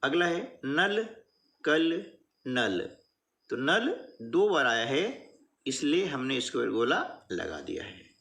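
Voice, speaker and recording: A man teaching a workbook lesson in a patient, slow classroom manner, often checking in with the listener. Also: mid-range voice, big pitch swings, creaky, sharp tone. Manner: patient, repeats "है ना" and "ठीक है" often.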